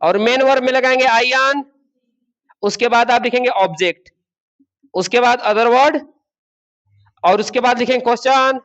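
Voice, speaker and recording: A man's voice: very high voice, unhurried, long pauses, a bit bright. A male teacher gives a classroom grammar lesson, asking the class questions and repeating key words. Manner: addresses students as babu and beta. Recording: dull lo-fi sound.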